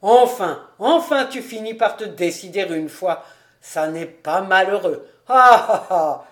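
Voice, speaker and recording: An amateur audiobook reader voicing a jovial, stout middle-aged male tax collector who exclaims loudly and often. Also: expressive, slow. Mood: jubilant. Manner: booming, exuberant, exclaiming. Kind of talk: audiobook character reading.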